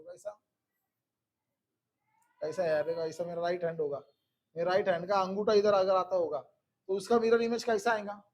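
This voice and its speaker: High-voiced man teaching a class. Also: a little mellow. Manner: repeats questions to the class, coaxing and explanatory. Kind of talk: classroom physics lecture.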